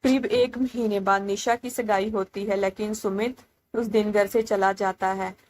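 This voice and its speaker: Woman, storyteller, casual narration, medium pitch, small slips and restarts, characters read in her own voice. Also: steady tone, unhurried, darkish tone.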